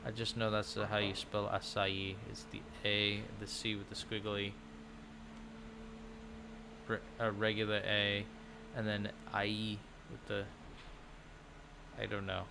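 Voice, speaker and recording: Over a noisy background, a man with a lowish, gravelly, monotone voice talks slowly and pauses often. He's a language-learning vlogger chatting on a livestream as he works through lessons, thinking aloud with many restarts.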